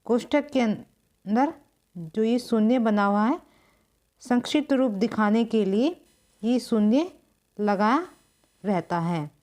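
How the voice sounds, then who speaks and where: Woman teacher, slightly high voice, very slow and patient with long pauses, step-by-step grammar lesson. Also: a little mellow. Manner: unhurried, explains step by step with pauses; clears throat now and then. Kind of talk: slow board-writing lesson.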